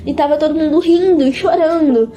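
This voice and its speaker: A woman giving an emotional religious testimony in an interview, speaking in a halting, repetitive way and often close to tears. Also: high-pitched, warm tone.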